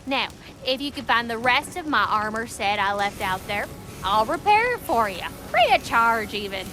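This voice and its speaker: Brief: a bubbly folksy dwarf smith, high and bouncy, over game music. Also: female voice, big pitch swings, moderate pace. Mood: cheery. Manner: folksy, informal, cheeky talk. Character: chatty folksy dwarf woman smith, cheeky.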